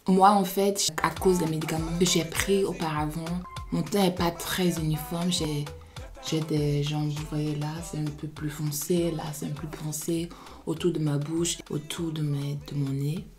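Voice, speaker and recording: A young woman with a Beninese French accent gives a casual makeup tutorial in a fairly low voice. She talks in a chatty way and slips English phrases into her French, with a little music faint in the background. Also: darkish tone. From Benin, raised in the United States. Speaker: beauty vlogger.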